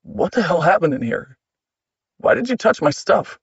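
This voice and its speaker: A man voicing a controlling, gaslighting husband who barks accusations, with a gravelly, husky voice, recorded dry and a bit muffled. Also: mid-range voice, lively intonation, moderate pace, dry recording. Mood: angry shouting. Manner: loud and accusing.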